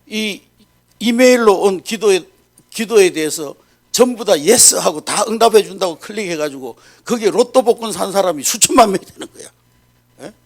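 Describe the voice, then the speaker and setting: A male pastor telling a story in an animated sermon, often checking in with the congregation. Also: high voice, vocal fry.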